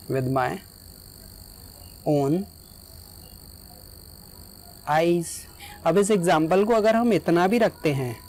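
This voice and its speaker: A man's voice: fairly high pitch, a little mellow, rough recording. Man teaching English grammar in Hindi. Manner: explains patiently, dictates English examples word by word.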